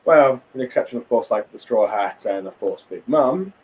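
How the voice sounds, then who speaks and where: A man's voice: medium pitch, lively intonation, a little fast, a little mellow, highs cut off, slight background noise. A tired man casually recapping a comic chapter, rambling with many fillers and restarts. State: tired, yawning. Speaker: manga reviewer.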